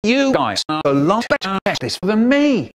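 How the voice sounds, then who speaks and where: A man's voice: high voice, big pitch swings, moderate pace. A man in his sixties with an English accent, performing in an exaggerated, emphatic way with choppy, spliced phrasing. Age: 60s. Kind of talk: animated performed storytelling, spliced into choppy sentences. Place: plain indoor studio room.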